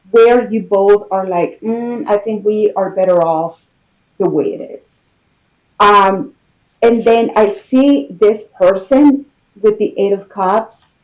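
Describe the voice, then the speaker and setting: A woman giving an unscripted, intimate tarot card reading, musing aloud with pauses and repeated phrases. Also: mid-range voice, darkish tone, rough recording.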